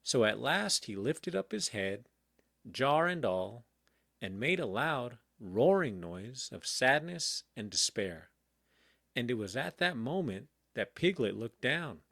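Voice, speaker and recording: A man reading a children's storybook aloud in a calm, gentle bedtime manner. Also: medium pitch, vocal fry, dry recording, clean studio sound. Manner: slow, gentle, very expressive. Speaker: audiobook reader.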